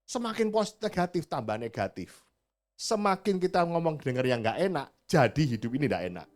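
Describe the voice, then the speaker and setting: A man's voice: on the high side, big pitch swings, fairly quick, darkish tone. A man from Indonesia, a pastor, giving a chatty sermon and acting out quoted voices.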